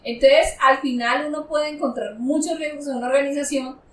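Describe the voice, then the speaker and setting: A woman accountant and former auditor from Colombia, chatting on a panel in an animated way and acting out the people she quotes. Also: sits high, brisk, far from the mic. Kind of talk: casual panel chat. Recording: echoey room, off mic, faint noise.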